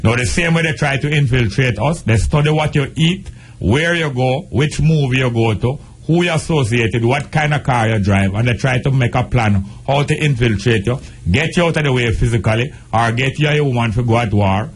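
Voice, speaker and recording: A man's voice: mid-range voice, normal speed, breathy edge. A man with a Jamaican accent and Patois-inflected speech, speaking earnestly as a guest in a political discussion on radio.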